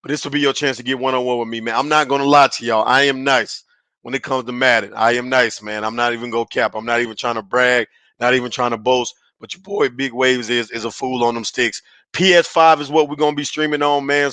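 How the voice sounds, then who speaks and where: A man hosts a casual sports podcast, sounding hyped and slangy through a headset mic. His medium-pitched voice is raspy and hoarse from yelling, and the recording is dry.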